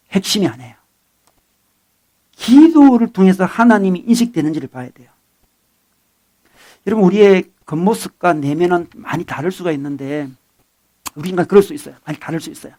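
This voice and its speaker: A middle-aged man preaching a sermon as a pastor, conversational and animated, swinging between loud bursts and soft asides. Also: high-pitched. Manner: acts out dialogue with his son.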